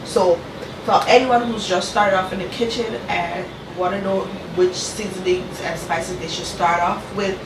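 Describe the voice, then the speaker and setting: Congested from a cold and talking through her nose, a woman hosts a casual cooking vlog in her home kitchen, regularly addressing viewers with "okay" and "you guys." The mic sits far from her, picking up kitchen echo and a noticeable room hum. Her voice is on the low side.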